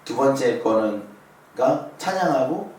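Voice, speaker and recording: A man's voice: medium pitch, expressive, slow, a little mellow, a little hiss or hum. A man in his thirties preaching a sermon as a pastor, telling a personal story and putting questions to the congregation. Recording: very echoey hall, voice from far off.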